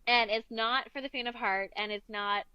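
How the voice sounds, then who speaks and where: A woman in her thirties, a podcast guest, telling stories in a relaxed, reflective way with plenty of fillers. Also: a little high, moderate pace, clean tone, no room sound, highs cut off. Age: 30s. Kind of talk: casual chat.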